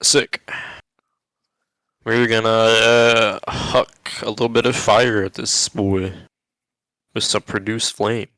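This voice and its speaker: A man's voice: lowish voice, flat delivery, slow pace, pauses often, sharp tone, no echo. A man playing a tabletop game over an online voice call, laid-back and drawling. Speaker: player. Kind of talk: casual tabletop play.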